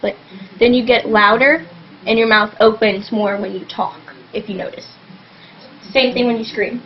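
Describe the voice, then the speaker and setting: Teaching scream technique from home, this young vlogger rambles at a moderate pace, slipping "like" into every phrase. Her voice is a little high and fairly even. A faint hum runs under the dull, lo-fi webcam sound.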